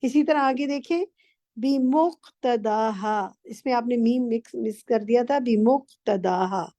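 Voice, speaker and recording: A woman teaching an online class, patiently correcting students' recitation and drilling pronunciation slowly. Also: on the high side, mellow, no echo. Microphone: video call.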